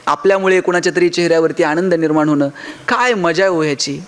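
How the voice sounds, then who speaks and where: Fairly high-pitched and quick, a male motivational speaker tells stories, acts out bits of dialogue, and throws rhetorical questions at his audience.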